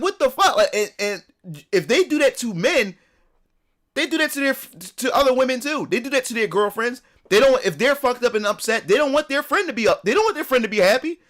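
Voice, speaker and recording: A man talking to his stream audience in a loose, casual rant. His voice sits high, and he swears freely and piles up repeated words as he presses his point. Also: fairly bright tone. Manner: ranting, emphatic, swears a lot; repeats words and restarts as he builds up. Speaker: live streamer. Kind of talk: casual live-stream chat.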